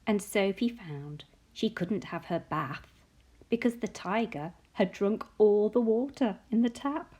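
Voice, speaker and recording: A woman reading a picture book aloud to young children, expressive and often putting questions straight to her listeners. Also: mid-range voice, measured pace, breathy edge.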